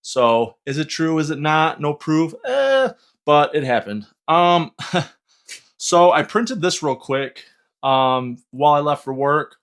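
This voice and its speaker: A man's voice: on the high side, slow pace, fairly bright tone, clear, resonant tone. A young man vlogging casually about 3D printing, rambling and hesitant with lots of filler words. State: hyped on an energy drink. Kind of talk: casual vlog talk.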